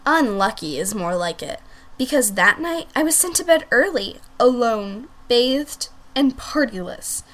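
A spoiled little French bulldog girl holds court in this storybook reading, as a woman puts her on. She drawls and swoops dramatically through her lines, fairly high and very lively, with diva flair. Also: measured pace. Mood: sassy. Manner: theatrical, diva-like, swooping pitch. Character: sassy pampered five-year-old female French bulldog.

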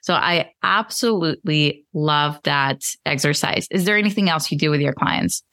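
A woman's voice: sits low, moderate pace, pushed and bright, no echo, clean studio sound. A woman hosting a casual podcast interview over a video call, chatty and affirming, laughing often. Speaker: podcast host. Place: room at home.

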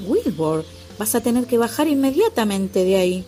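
A woman's voice: a little high, normal speed, faint music behind, pitched above the performer's own voice. Elmer, a woman playing a teasing elephant. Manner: teasing, lively. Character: cheerful, teasing male patchwork elephant.

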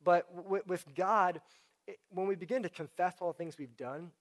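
A man's voice: high-pitched, normal speed. A young man giving a casual sermon, talking conversationally with many fillers. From Houston area, United States.

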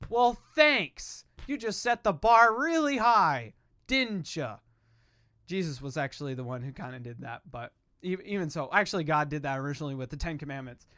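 In a dry, studio-quality recording, a preacher with a smooth, medium-pitched voice delivers a fiery, informal evangelistic sermon. He exhorts emphatically, tossing in sarcastic asides and rhetorical questions, in what he himself calls his yelling preacher voice.

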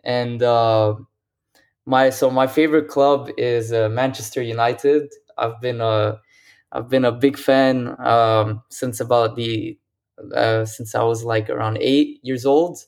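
A guest from Lebanon calls in remotely to a casual football podcast, speaking slowly in a steady, middle-pitched voice with a darkish tone. His speech is hesitant, full of ums and phrases he starts over.

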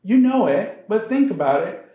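A man's voice: high voice, sing-song, moderate pace, roomy sound, highs cut off. A male pastor preaching a sermon in a conversational way, with joking asides.

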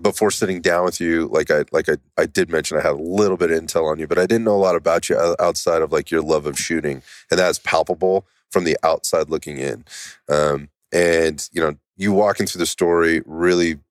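A man with a very deep voice hosts a podcast, friendly and reflective, often stumbling and restarting as he frames a question. The recording is dry and close, without room echo. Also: steady tone, fairly quick. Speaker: podcast host. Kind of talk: casual podcast conversation.

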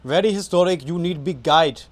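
A man's voice: fairly high pitch, fairly quick, pitched above the performer's own voice, natural voice. A man voicing a pushy male tour guide with an Indian accent, in insistent, clipped broken phrases.

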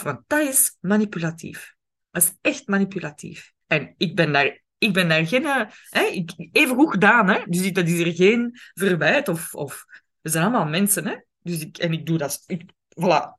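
A woman's voice: low voice, slightly rough. A woman with a Flemish accent hosting a casual podcast monologue, acting out inner dialogue and often checking in with the listener. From Belgium. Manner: lively, acts out inner dialogue, many tag questions. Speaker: podcast host, relationship coach.

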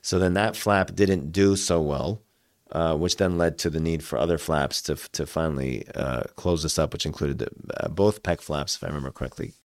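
A man speaking as an interviewed doctor, explaining conversationally in a halting way with repeated words. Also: very deep voice, dry recording, clean studio sound. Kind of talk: conversational explanation of medical procedures.

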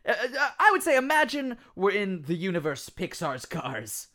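A man's voice: high voice, sing-song, moderate pace, bright, forceful tone. A young man co-hosting a casual comedy podcast, joking loosely and laughing often. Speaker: podcast co-host.

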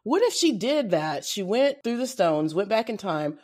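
A woman with a Kentucky twang, co-hosting a podcast in casual chat, animated and ranting with free swearing. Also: medium pitch, normal speed. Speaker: podcast co-host.

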